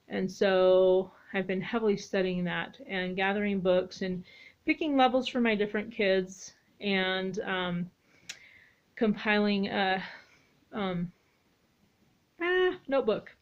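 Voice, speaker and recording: A woman who homeschools her children, chatting casually in a vlog, rambling with lots of ums and restarts. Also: mid-range voice. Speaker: homeschooling mother vlogger. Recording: slightly dull lo-fi audio.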